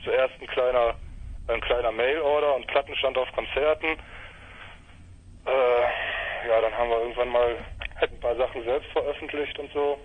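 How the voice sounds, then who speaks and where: A man in his thirties from northwestern Germany, a fanzine maker, speaks as an interview guest over the telephone, casually, rambling and hesitant with fillers. His mid-range voice has fairly even intonation at normal speed, with slight background noise on a tinny, husky phone line.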